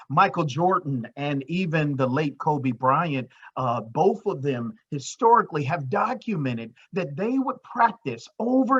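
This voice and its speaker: A man's voice: a little high, fairly bright tone, husky. A man giving an emphatic motivational talk, repeating his points and using many fillers, in a dull lo-fi recording. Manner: emphatic and repetitive, with frequent fillers. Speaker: motivational speaker.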